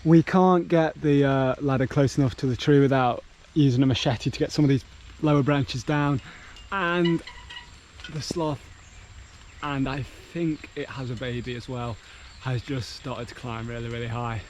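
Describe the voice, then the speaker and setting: A man's voice: medium pitch, fairly even intonation, normal speed, darkish tone, slight background noise. Chatty man, vlogging casually. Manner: chatty, lightly humorous, explaining as he goes. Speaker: vlogger and sloth conservation worker. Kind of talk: casual vlog narration. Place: rainforest and countryside, partly outdoors.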